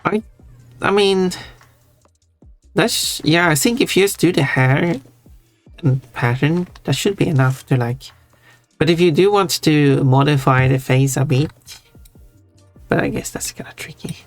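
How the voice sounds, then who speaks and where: A streamer with a Swedish accent, chatting casually on a live stream in a rambling, halting way with frequent giggles. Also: medium pitch, faint music behind.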